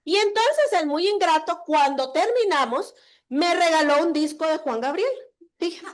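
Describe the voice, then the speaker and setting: Conference speaker: Guatemalan woman, high-pitched, animated and confiding with her audience. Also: measured pace. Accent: Guatemalan Spanish. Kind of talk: storytelling talk to an audience. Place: conference hall.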